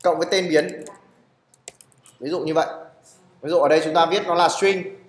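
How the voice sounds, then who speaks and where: In an echoey classroom, a man with a somewhat high voice teaches a live coding lesson at a moderate pace, his intonation fairly level. He checks on his students over and over, repeatedly asking "được chưa?"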